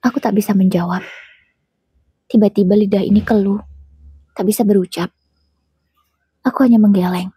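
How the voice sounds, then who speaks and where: A woman narrating a first-person story in a soft, breathy voice. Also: mid-range voice, fairly even intonation, normal speed, pauses often, no echo, clean studio sound.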